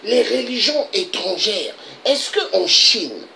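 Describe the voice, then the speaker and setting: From the Republic of the Congo, a political video blogger rails through a monologue built on repeated rhetorical questions. His high-pitched voice is very animated yet slow, creaky, pushed and bright, on a rough recording with a little hiss or hum.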